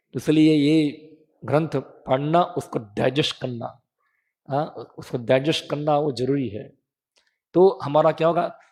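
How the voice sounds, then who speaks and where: A preacher in his thirties delivers a conversational sermon, often posing a question to his listeners and then answering it himself. His voice is on the high side with a darkish tone, followed by a long reverb tail.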